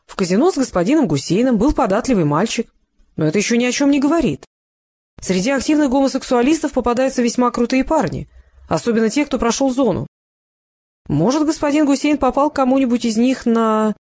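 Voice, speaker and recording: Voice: medium pitch, expressive, a little fast, a little mellow, no room sound, pitched above the performer's own voice, natural voice. A reader voicing a persistent polite investigator. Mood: pointed. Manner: courteous but probing.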